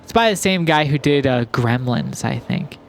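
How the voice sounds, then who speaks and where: A young man giving relaxed, rambling commentary over gameplay, full of fillers and restarts. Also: medium pitch, normal speed, faint music behind. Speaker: gaming commentator. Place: home, recorded in post.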